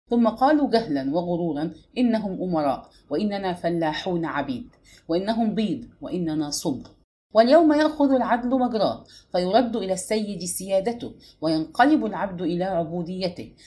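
A woman's voice: medium pitch, dark tone, lightly acted. A woman voicing a proud young warrior king who speaks sternly and with indignant anger, in an audiobook reading. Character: proud angry young warrior pharaoh, man.

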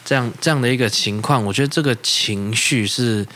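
A man with a Taiwanese accent in casual chat, halting and repeating words as he explains. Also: mid-range voice, sharp tone.

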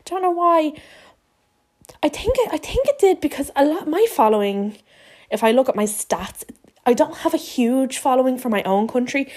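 A woman's voice: sits high, big pitch swings, normal speed, a little mellow. A young Irish woman with an Irish accent, talking frankly and swearing freely in a casual podcast rant, with many stops and restarts. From Ireland. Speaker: podcast host. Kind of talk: casual ranting monologue.

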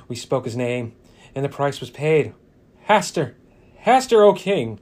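A man's voice: medium pitch, steady tone, moderate pace, a little mellow, lightly acted. A man voicing a crazed male cultist who rambles in a frenzy. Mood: frantic. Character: frantic crazed male cultist, young adult.

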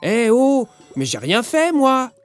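A man's voice: very high-pitched, big pitch swings, takes it slowly, soft background music, voice pushed up, exaggerated voice. A man voicing a cheeky, mischievous little boy in a children's storybook. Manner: cheeky, innocent.

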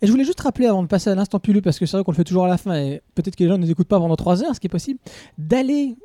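A man hosts a casual podcast, recorded live in a café. His voice sits high yet sounds very mellow and dark. He jokes freely and stumbles over fillers. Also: animated, very fast, dry recording, studio quality. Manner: joking, with many hesitant fillers. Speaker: podcast host.

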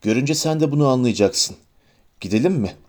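A man reading an audiobook, voicing a kindly old wizard headmaster who speaks gently and evenly. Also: medium pitch, lively intonation, brisk, lightly acted. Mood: gentle. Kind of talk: audiobook character voice.

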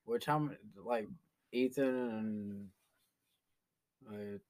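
A young man co-hosting a podcast, rambling and halting with many fillers. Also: lowish voice, darkish tone, low-quality recording. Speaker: podcast co-host. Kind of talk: casual chat.

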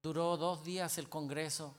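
A male pastor, telling a story in a sermon and swinging from quiet to loud. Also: a little high, steady tone, moderate pace.

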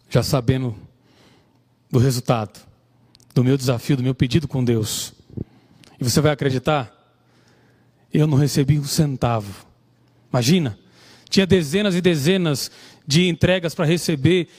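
A man's voice: mid-range voice, normal speed, pauses often, a little mellow, in a large hall. A Brazilian man preaching a sermon, telling a story animatedly and acting out its dialogue. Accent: Brazilian Portuguese. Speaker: pastor. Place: church.

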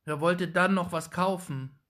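A man's voice: sits high, fairly even intonation, a little slow, pushed and bright, pitched above the performer's own voice. A man doing an indignant young boy. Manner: scolding, indignant.

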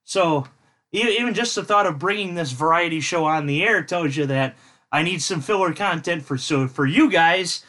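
A man's voice: a little high, moderate pace, pushed and bright. A man hosting a podcast in casual chat, rambling and jokey as he drifts off on tangents. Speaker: podcast host.

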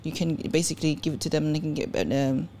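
A young woman from Sweden with a lowish voice chats on a podcast. She tells her story animatedly, acting out the lines of others and laughing often. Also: fast, slight background noise. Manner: animated, laughs often, acts out quoted dialogue. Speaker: podcast co-host. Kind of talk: casual storytelling chat.

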